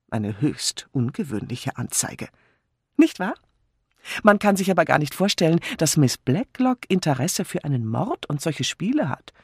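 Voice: mid-range voice, husky, dry recording, studio quality, voice pushed up. A reader voicing a cheerful, chatty vicar's wife who gushes in a bubbly way, in an audiobook. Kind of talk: audiobook character voice.

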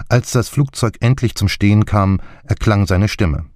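A man reading a detective novel aloud in even, measured narration. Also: lowish voice, dry recording, clean studio sound. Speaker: audiobook narrator. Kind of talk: scripted narration.

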